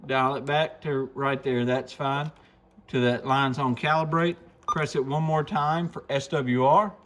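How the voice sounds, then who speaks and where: Speaking at a measured pace with a steady tone, a man with a mid-range, slightly bright voice demonstrates a product inside his radio shop. As the owner, he explains it hands-on, step by step, in a plainspoken, folksy, casual manner.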